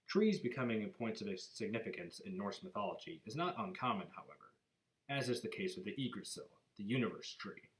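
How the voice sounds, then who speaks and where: A man's voice: fairly low pitch, a bit bright, low-quality recording. A man narrating myths in an explanatory storytelling manner, as an informal lesson.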